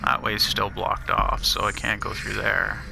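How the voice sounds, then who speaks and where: Low, gravelly male gamer, relaxed play-by-play, noisy capture. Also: measured pace. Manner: easygoing, muttering reactions to finds. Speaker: gamer playing a custom map. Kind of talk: casual let's-play commentary.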